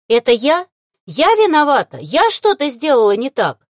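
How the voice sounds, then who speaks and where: A woman voicing an anxious, quick-tempered woman, a half-trained necromancer, in an audiobook. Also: a little high, very animated, no echo, clean studio sound. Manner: anxious, explosive.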